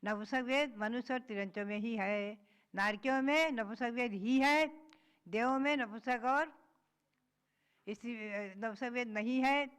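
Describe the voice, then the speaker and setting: Smooth-voiced woman teaching scripture. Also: on the high side. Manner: patient teacher, recites verses then explains them. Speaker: Jain nun giving a scripture discourse. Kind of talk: religious discourse.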